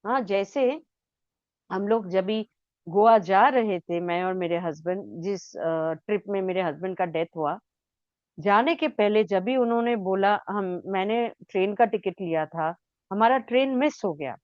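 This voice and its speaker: Slow-spoken woman teaching healing. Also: medium pitch, darkish tone, no echo, muffled recording. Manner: mixes English phrases into Hindi, repeats words for emphasis. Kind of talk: unscripted teaching talk.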